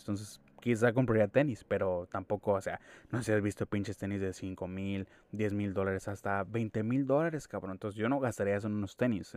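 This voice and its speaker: A man's voice: lowish voice, clear, resonant tone, no room sound, clean studio sound. A young man with a Mexican accent rambling casually in a monologue, slangy and full of swearing. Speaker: podcast host.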